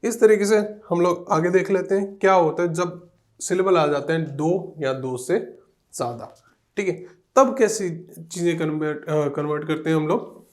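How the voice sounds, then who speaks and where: Man teaching grammar, high-pitched. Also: darkish tone. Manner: explains step by step, often checking in with the class; reads English example sentences slowly and deliberately. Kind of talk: classroom grammar lesson.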